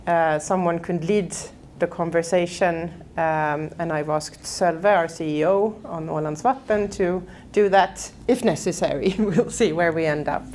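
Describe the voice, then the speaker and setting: Woman host, slow halting speech, faint room noise behind. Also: on the low side, darkish tone. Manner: slow, halting with many fillers. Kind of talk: casual event introduction.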